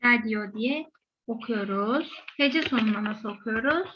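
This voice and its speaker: A woman's voice: on the high side, a little slow, dull audio, noisy background. A woman with a Korean accent teaching a language lesson patiently, repeating each example word two or three times. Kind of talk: slow step-by-step lesson, repeating example words.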